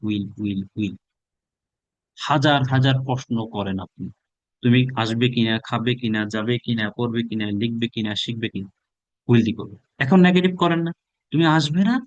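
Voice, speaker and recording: A Bangladeshi man teaching a spoken English class, drilling phrases through rapid repetition. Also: mid-range voice, no echo, dull audio.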